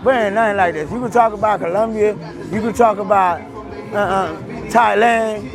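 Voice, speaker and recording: Emphatic man on a loud street. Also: sits high, moderate pace. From Miami, Florida. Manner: loose, emphatic street talk. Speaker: restaurant owner. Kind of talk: street interview. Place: outdoors on a busy street. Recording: outdoor street with music and crowd. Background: music and crowd noise.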